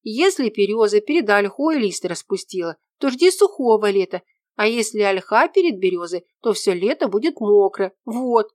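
A capricious young woman, as a female reader puts her on, speaking with indignant emphasis and a raised, lifted pitch. The recording is close and completely dry. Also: big pitch swings, moderate pace, a little mellow, no room sound, close to an everyday voice.

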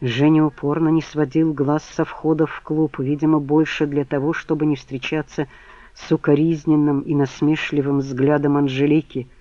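Guy reading an audiobook, steady pace, dry close sound. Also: on the high side, moderate pace, dry recording, highs cut off. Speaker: audiobook narrator. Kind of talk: scripted audiobook narration.

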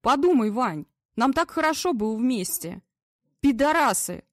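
A woman's voice: sits high, lively intonation, measured pace, dry recording, studio quality. A woman reading an audiobook, voicing a drunk, crude, bullying male police general who slurs and swears. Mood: drunk maudlin. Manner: slurred, coarse, swearing.

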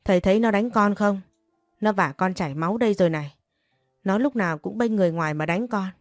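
A woman reading aloud, voicing a grieving, spiteful older woman who hurls accusations in a lower, harsher voice. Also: fast talker, no echo, studio quality, soft background music, lightly acted. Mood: aggrieved. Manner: shrill hissing accusations. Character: furious grieving woman, spiteful elder sister-in-law.

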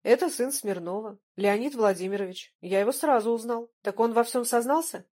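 A woman's voice: a little high, brisk, a little mellow, natural voice. A woman reading an audiobook, voicing a timid middle-aged male journalist who speaks hesitantly. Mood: meek.

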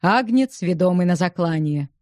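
During a storybook reading, a woman narrator voices an unflappable gentleman who speaks in a deadpan, drily ironic manner. The voice is lowish, at normal speed, and close to an everyday voice, recorded close and dry.

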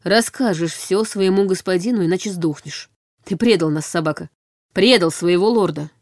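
A woman's voice: fairly low pitch, normal speed, no echo, clean studio sound, close to an everyday voice. A woman voicing a cold, stern male duke who questions a prisoner in a commanding, threatening way. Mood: cold menace.

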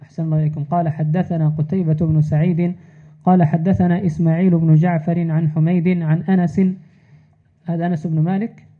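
High, flat-voiced man reading formal text. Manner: measured formal reading, repeats narration formula. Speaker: student reader. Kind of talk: reading classical hadith text aloud. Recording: tinny phone-like sound.

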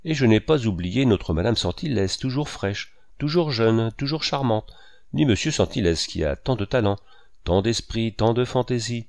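A fussy old society lady chatters in rushed, tumbling phrases, as a male reader puts her on. She loses her thread and repeats herself, her voice swooping up and down with a gravelly edge underneath. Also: lowish voice, animated, a little mellow. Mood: fussy gushing.

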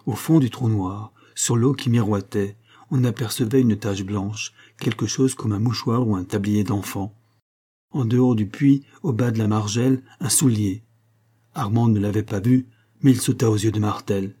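Low, husky male narrator. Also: normal speed, warm tone. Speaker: audiobook narrator. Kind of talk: scripted narration.

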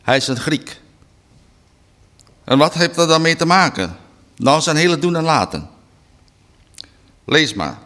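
A man giving a preaching Bible study talk, reading slowly and deliberately with emphatic restarts. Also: a little high, animated, pushed and bright. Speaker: Bible teacher.

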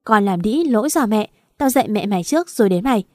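A woman's voice: medium pitch, lively intonation, fast, a little mellow, no echo, clean studio sound, close to an everyday voice. A woman reading a furious, foul-mouthed jealous wife. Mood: abusive. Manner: abusive, insulting.

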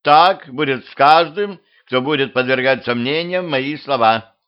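A man's voice: mid-range voice, unhurried, smooth, lo-fi sound, voice pushed up, natural voice. A man voicing a scheming female ruler of monsters, commanding and shrieking, in a home audiobook.

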